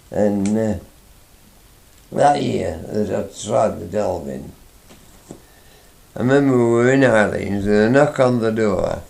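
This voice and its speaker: Slow, gravelly older Englishman reminiscing. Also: lowish voice, darkish tone, echoey room. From England. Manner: rambling, chatty, with frequent restarts. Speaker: interviewee, father recalling his youth. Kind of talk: anecdotal storytelling.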